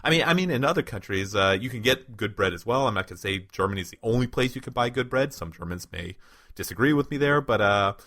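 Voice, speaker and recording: A man's voice: medium pitch, expressive, fast, a bit bright. A man co-hosting a casual travel podcast, enthusiastic, laughing often and restarting his sentences. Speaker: co-host, segment presenter.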